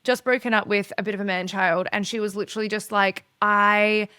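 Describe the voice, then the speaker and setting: A woman's voice: mid-range voice, steady tone, brisk, bright, forceful tone, clear, resonant tone, dry recording, clean studio sound. A woman hosting a podcast, chatting casually and gushing with enthusiasm, with some swearing. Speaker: podcast host. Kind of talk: casual interview chat.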